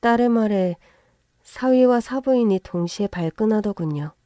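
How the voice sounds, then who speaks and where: A woman narrating a first-person family story in a calm, measured way. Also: medium pitch, no room sound, clean studio sound.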